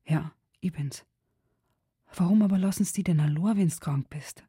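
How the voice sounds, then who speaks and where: A woman voicing a young farmhand in dialect, grumbling and then gently soothing. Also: low voice, a little slow, slightly rough, no room sound, clean studio sound, exaggerated voice. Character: young farmhand man, gruff then tender.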